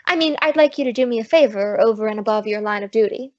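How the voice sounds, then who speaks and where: High-voiced wisecracking Maisie, played by a woman. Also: fast talker, no echo, close to an everyday voice. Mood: teasing. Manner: sassy, slangy delivery. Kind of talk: old-time radio comedy acting. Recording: dull lo-fi close dry recording.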